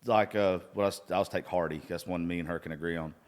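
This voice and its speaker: A man's voice: low voice, fairly even intonation, quick pace. A hungover man in his thirties hosting a casual podcast chat, rambling, gushing and swearing freely. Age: 30s. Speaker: podcast host. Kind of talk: casual chat, profanity-laden. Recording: reverberant room.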